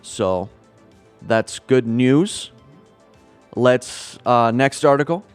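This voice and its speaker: Calm guy from kenya going over market news, faint music under. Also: mid-range voice, very slow, clean tone. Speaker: market commentator. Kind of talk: financial news talk.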